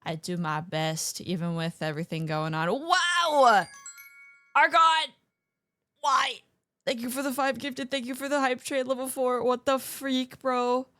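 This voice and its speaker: A woman's voice: fairly high pitch, moderate pace, hardly any pauses, no echo. A woman livestreamer chatting casually with her viewers in a playful, slangy gamer manner, scattered and often interrupting herself. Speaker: livestreamer hosting an art stream.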